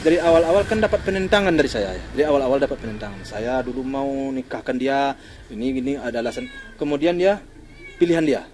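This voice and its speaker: An older man, a grieving father, recounting in an interview in a halting way with many pauses and fillers. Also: medium pitch, expressive, a little mellow, slight background noise. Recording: music bed under the voice.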